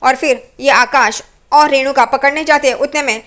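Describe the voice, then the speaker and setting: A woman recaps a TV serial episode in casual narration, passing quickly from scene to scene. Her voice sits high and she keeps up a steady retelling flow. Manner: rapid retelling, quoting characters.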